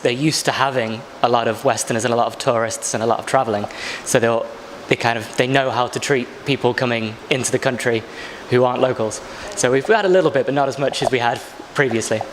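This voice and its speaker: A man's voice: mid-range voice, steady tone, quick pace, few pauses. Articulate English man in his twenties. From England. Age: 20s. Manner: articulate, explanatory, long flowing sentences. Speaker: backpacker interviewee. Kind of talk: casual interview answers. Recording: long reverb with faint background noise.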